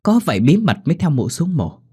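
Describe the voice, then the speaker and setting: A man voicing a scheming, sharp-tongued middle-aged wife who eggs her husband on, in a Vietnamese ghost story. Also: on the high side, sing-song, fairly quick, husky, pitched above the performer's own voice, exaggerated voice.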